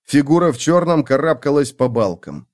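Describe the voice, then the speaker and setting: Expressive male narrator for an adventure audiobook, animated delivery. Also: mid-range voice, normal speed. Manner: lively, expressive reading. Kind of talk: scripted narration.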